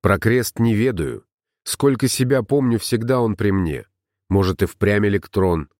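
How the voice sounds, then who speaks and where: A man voicing a gruff young wandering herbalist who talks bluntly and grumbles, in an audiobook. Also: fairly low pitch, expressive, unhurried, a little mellow, no room sound, studio quality. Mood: musing.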